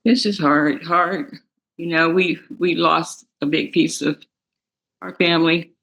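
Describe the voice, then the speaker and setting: A woman's voice: low-pitched, steady tone, takes it slowly, vocal fry, fairly bright tone, lo-fi sound. A woman from the victim's family speaking to the defendant in a courtroom, emotional and accusing, repeating herself as she talks. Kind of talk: spoken victim impact statement.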